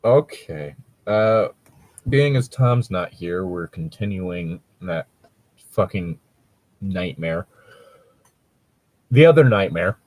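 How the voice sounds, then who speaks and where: A podcast co-host with a deep, darkish voice reads fan fiction and mocks it in casual talk, swearing freely and complaining dryly as he picks it apart. His intonation is lively, yet he takes it slowly, with long pauses, and there's no echo.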